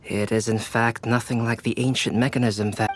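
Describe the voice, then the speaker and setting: A woman's voice: extremely low pitch, steady tone, normal speed. A woman voicing a cool, composed young character who explains things in a video game.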